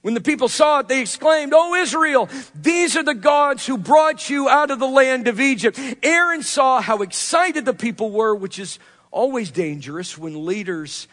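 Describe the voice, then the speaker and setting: A man preaching a sermon with a strikingly high-pitched voice. He swings between loud, emphatic lines and quiet, hushed asides. His voice rings out with a long reverb, as in a large hall. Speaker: pastor.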